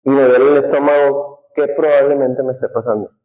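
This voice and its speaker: A man's voice: medium pitch, little pitch movement, a little fast, mellow, dull audio. Male teacher quizzing his class. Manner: conversational, quizzes the class with questions. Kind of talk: classroom lecture.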